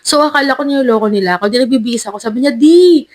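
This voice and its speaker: High-voiced, animated woman telling a story. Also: rapid-fire. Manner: animated, lively storyteller who acts out quotes. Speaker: podcast co-host. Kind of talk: casual storytelling chat.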